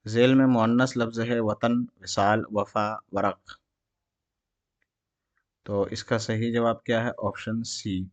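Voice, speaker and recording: A man's voice: mid-range voice, flat delivery, pauses often, dry recording. A man with an Indian Urdu accent, teaching an exam prep lesson. He reads each question and its options aloud, then explains the answer.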